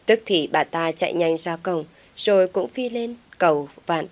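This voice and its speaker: A woman narrating a dramatic village story as an audiobook in a steady storytelling voice. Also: lowish voice, moderate pace.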